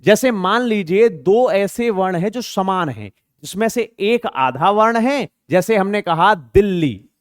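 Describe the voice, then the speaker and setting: A man's voice: high voice, animated, measured pace, hardly any pauses, smooth, no room sound, clean studio sound. A man teaching an exam-prep grammar lesson, asking rhetorical questions and repeating words to show pronunciation.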